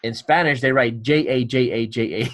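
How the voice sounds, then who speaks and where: A male podcast host in a relaxed interview. His voice sits at a middle pitch. He talks in a friendly, joking way and often stumbles over repeated words. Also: moderate pace. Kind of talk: casual interview chat.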